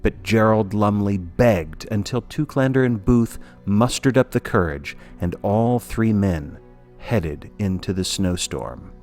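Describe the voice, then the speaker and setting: A man narrating a scripted spooky podcast story in a measured, wry manner. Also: lowish voice, a little mellow, faint music behind.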